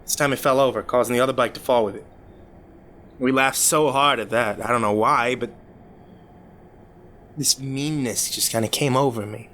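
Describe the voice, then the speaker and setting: Man acting a troubled, halting young man confessing, noisy recording. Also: medium pitch, fairly bright tone, close to an everyday voice. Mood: guilty, confessional. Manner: halting, confessional, stammering over repeated words. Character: troubled rich young man confessing his cruel teenage past. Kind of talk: dramatic first-person horror story monologue. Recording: clear background noise.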